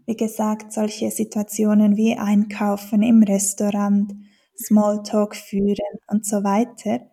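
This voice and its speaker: This Swiss dialect teacher speaks slowly in a monotone, her mid-range voice gravelly and dark with a breathy edge. She comes from German-speaking Switzerland, has a Swiss accent, and answers interview questions with care, often using fillers and starting over.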